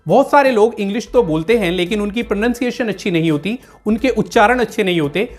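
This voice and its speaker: A man teaching English pronunciation in a casual lesson, repeating each word slowly to contrast wrong and right. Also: sits high. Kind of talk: Hindi-language pronunciation lesson.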